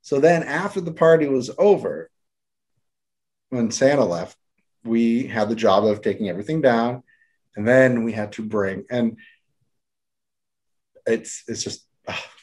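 A man's voice: medium pitch, lively intonation, normal speed, darkish tone. A man hosting a podcast, talking in a casual, earnest way. He sounds a little nervous and gets choked up at times. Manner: earnest, emotional, a bit nervous on camera. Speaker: podcast host.

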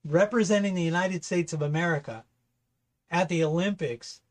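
A man's voice: a little high, moderate pace. A man in his fifties from California, co-hosting a casual opinion chat and bluntly repeating his points. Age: 50s. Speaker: podcast co-host.

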